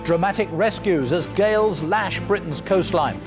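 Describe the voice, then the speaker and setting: A man reading the evening news as anchor, in a measured, formal delivery, heard from a worn VHS tape copy. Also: sits high, animated, loud music behind the voice.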